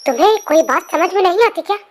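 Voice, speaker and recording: A woman voicing a possessive, quick-tempered young husband in a fan story narration, talking bossily. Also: extremely high pitch, lively intonation, a little mellow, a little hiss or hum. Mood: scolding, angry. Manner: bossy, scolding, then doting. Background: faint music.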